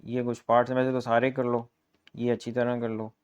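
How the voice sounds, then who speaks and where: Brisk male math teacher, Punjabi-tinged Urdu. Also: mid-range voice, monotone, darkish tone, clean tone, highs cut off. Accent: Punjabi-influenced Urdu. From Pakistan. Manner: brisk, repetitive, encouraging teacher talk. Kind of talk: exam guess paper walkthrough.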